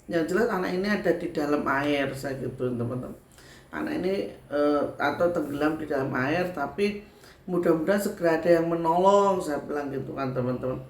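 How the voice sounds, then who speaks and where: A woman's voice: low-pitched, brisk, a little mellow. A woman from Central Java with a Javanese accent, a spiritual medium chatting to her viewers in a casual storytelling way, looping back with filler tags. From Sragen, Central Java, Indonesia. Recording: echoey room with faint background ambience.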